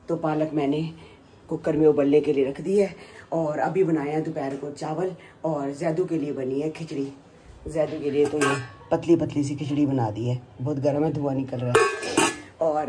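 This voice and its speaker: A woman's voice: low voice, mellow, a little hiss or hum. Chatty middle-aged woman vlogging at home. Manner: chatty, switches to playful baby talk with the grandchild. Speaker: family vlogger. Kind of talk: casual home vlog narration. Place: family home.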